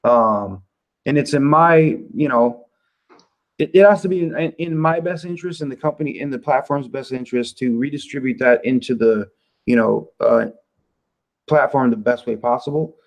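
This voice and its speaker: A man casually answering community questions on a livestream from his home office, relaxed and laughing often, with loose filler-heavy talk. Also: mid-range voice, moderate pace, poor audio.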